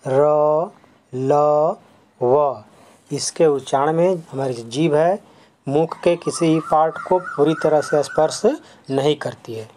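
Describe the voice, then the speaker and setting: A school teacher giving a grammar lesson, explaining step by step, repeating each term, mixing in English words and asking the class quick questions before answering them. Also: medium pitch, darkish tone, a little hiss or hum. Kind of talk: classroom lesson on letters and sounds.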